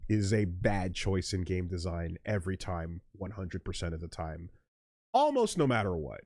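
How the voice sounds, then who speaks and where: A man's voice: deep voice, big pitch swings, moderate pace, darkish tone, no room sound, clean studio sound. A man hosting a let's play, chatting casually about games in an emphatic, opinionated, sweary way. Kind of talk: casual gaming chat.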